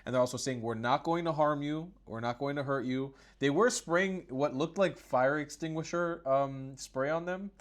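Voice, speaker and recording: A man's voice: fairly high pitch, moderate pace, few pauses. A man hosting his own channel, giving mocking, sarcastic commentary on news clips, often laughing and swearing. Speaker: political commentary host.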